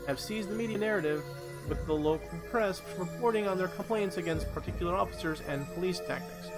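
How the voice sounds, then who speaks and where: A man on a live stream reads a news article aloud, tripping over words and cutting in with blunt, cursing asides. His voice sits a bit higher than most men's. Music plays clearly behind him. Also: brisk, low-quality recording. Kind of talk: reading news aloud with commentary.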